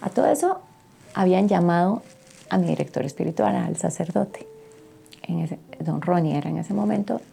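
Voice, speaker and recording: A woman's voice: lowish voice, lively intonation, normal speed, creaky, warm tone, slightly rough. A woman giving a personal faith testimony, telling her story earnestly and emotionally and often checking in with tag questions. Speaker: testimony guest.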